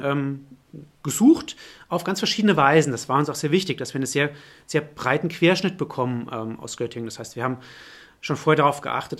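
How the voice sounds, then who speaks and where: A middle-aged male professor answers a podcast interview at a quick clip, thinking aloud with frequent fillers and self-corrections. His voice sits a little higher than most men's. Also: a bit bright. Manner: fast, thinking aloud with many fillers and restarts. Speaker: political science professor, guest.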